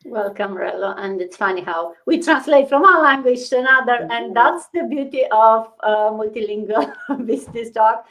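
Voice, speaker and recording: A woman hosts a live online interview and welcomes each guest in turn. Her voice sits a little high, and she talks loosely with fillers. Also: moderate pace, hardly any pauses, fairly bright tone, poor audio. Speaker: host.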